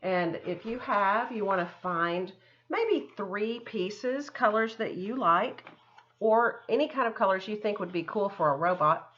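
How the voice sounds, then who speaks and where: A woman art teacher leads children through a step-by-step craft lesson, speaking in simple, encouraging language and frequently thinking aloud. Her medium-pitched voice is expressive and a bit bright, with a measured pace, and the lo-fi recording sounds dull.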